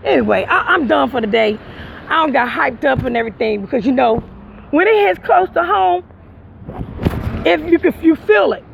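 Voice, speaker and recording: A man's voice: extremely high pitch, lively intonation, normal speed, creaky, lo-fi sound, a little hiss or hum. A man talking emphatically and repetitively to his viewers outdoors, speaking from the heart. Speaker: vlogger. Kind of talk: casual heartfelt monologue to viewers.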